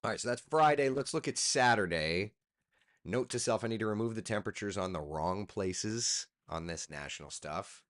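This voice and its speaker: Male TV meteorologist, tired, loose and chatty on a live stream; deep voice with a lively swing. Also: moderate pace. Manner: loose, chatty, talks to himself while working. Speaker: TV meteorologist hosting a live chat. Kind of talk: casual live-stream chat.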